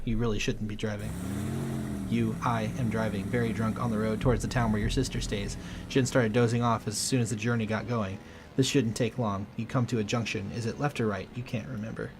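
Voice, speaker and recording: A man hosting a let's play, reading game text aloud with a quick, lightly dramatic delivery. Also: fairly low pitch, steady tone, background noise.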